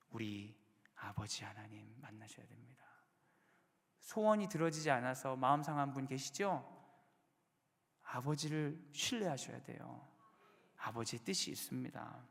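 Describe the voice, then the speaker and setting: A man in his thirties, a pastor preaching a sermon in a church sanctuary, with sudden loud bursts and hushed low endings. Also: creaky. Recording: long hall reverb.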